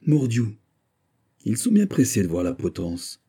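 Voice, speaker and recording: A man voicing D'Artagnan, gruff blunt musketeer. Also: lowish voice, sing-song, a little slow, warm tone, exaggerated voice. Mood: wry. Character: seasoned male musketeer, blunt and wary. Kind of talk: audiobook character voice.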